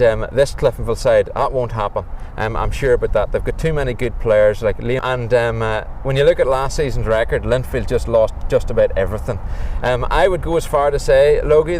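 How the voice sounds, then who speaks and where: An older man with a Northern Irish accent speaks at a middle pitch, slightly distant from the microphone. He gives hesitant, measured sports opinions over faint traffic noise. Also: darkish tone. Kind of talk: unscripted sports interview. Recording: distant, noisy outdoor traffic.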